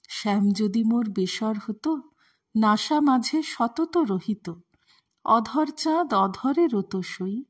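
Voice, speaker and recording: A woman giving a slow devotional scripture reading, reciting verses in a measured, reverent way. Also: fairly high pitch, a little mellow, husky. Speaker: scripture reader.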